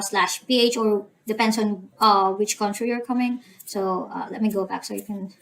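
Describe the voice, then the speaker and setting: She's a young Filipino channel host with a chatty, fairly bright, middle-pitched voice, walking through a form step by step in a casual screen recording. Hesitant fillers like "um" and "you know" crop up throughout. The audio is poor.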